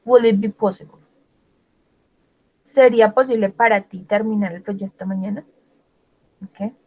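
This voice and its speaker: Slow, patient bilingual woman teacher. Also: medium pitch, fairly even intonation, darkish tone, low-quality recording. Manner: explains patiently, switching between Spanish and English, many check-ins; slows down to read out example sentences. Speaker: English teacher. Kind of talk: bilingual grammar lesson.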